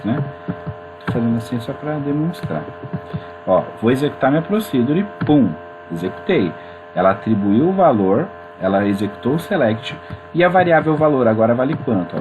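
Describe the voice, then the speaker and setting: Chatty man teaching code. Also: medium pitch. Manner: chatty and informal, addresses viewers as gente. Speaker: programming teacher. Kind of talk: screen-recorded coding tutorial. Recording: mains hum in background.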